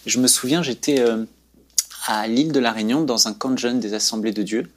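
A man's voice: mid-range voice, a little fast, a little hiss or hum. Male guest, earnest preacherly storyteller, faith testimony.

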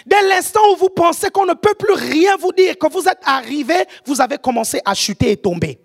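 A woman preacher with an African French accent and a high, gravelly voice delivers an animated sermon at a slightly fast pace. She often shouts and keeps the congregation right there with her.

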